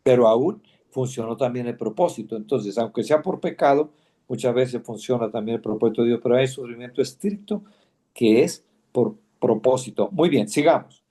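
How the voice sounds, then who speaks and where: A man speaks in a warm, mellow voice. He teaches a Bible class, telling his own story earnestly, pausing and repeating phrases as he goes. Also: medium pitch. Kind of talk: personal testimony in a class.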